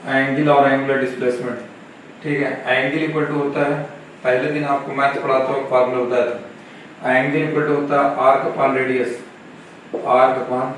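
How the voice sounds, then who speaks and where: Man lecturing in an echoey classroom. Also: medium pitch. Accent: Marathi-influenced Hindi. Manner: slow, repetitive, asks and answers own questions. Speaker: physics teacher. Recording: echoey classroom, camera far off, faint noise.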